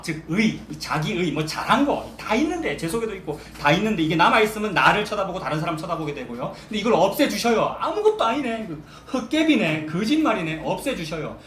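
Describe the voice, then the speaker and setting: A man's voice: sits high, fairly bright tone, a little hiss or hum. A male pastor delivering a sermon in a conversational way, putting rhetorical questions to the congregation. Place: church sanctuary. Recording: echoey church hall with faint ambience.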